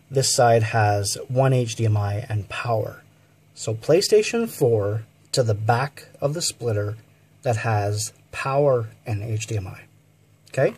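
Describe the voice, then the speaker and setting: A man's voice: medium pitch, a little mellow, husky. A man talking through a casual step-by-step tech tutorial, out of breath and chatty with fillers.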